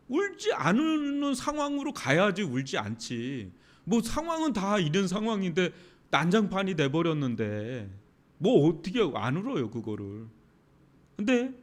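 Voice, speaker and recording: A male pastor delivering a Friday night sermon, with dramatic swings from soft, drawn-out phrases to sudden loud outbursts. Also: high-pitched.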